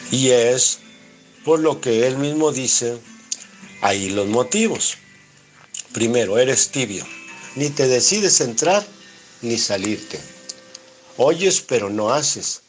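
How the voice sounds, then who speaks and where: A Mexican man preaches a Bible study, reading verses and then explaining them in his own words. He asks himself rhetorical questions and answers them. His voice sits at an ordinary middle pitch, with faint guitar music playing behind him. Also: animated, slow, pauses often. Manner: reads scripture aloud and explains it line by line.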